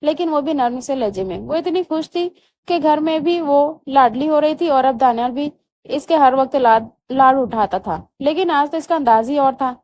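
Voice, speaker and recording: A woman narrating a romance novel aloud in a steady storytelling manner. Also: high voice, normal speed.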